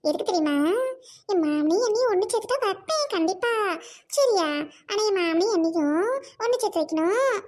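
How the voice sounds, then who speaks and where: A woman's voice: very high voice, lively intonation, fairly quick, a little mellow. A woman in her thirties with a Tamil accent, whining and pleading in a comic skit. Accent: Tamil Nadu Tamil. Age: 30s. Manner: whiny, pleading, sobs and laughs in turns. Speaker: comedy skit actress.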